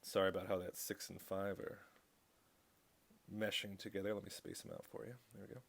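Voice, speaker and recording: A man teaching a recorded high school math tutorial, chatty and upbeat with corny jokes. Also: little pitch movement, fairly quick, vocal fry, husky.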